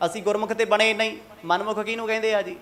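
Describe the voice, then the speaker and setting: High-voiced Sikh preacher giving a katha sermon. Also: male voice, steady tone, fast, fairly bright tone. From Mohali, Punjab. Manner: asks the congregation rhetorical questions and acts out quoted speech.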